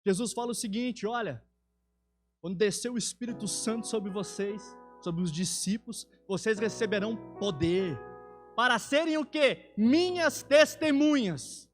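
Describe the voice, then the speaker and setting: A man with a fairly high voice and a Brazilian Portuguese accent delivers an earnest sermon in a church. He builds toward emphatic, louder peaks. Soft instrumental music plays faintly behind him. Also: lively intonation, moderate pace. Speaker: preacher.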